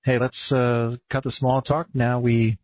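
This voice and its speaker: A man with a Maine accent and a husky voice, hosting an online conference call in a casual, rambling, laid-back way. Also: medium pitch, level tone, unhurried, no room sound. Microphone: online conference room call. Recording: dull, muffled lo-fi audio.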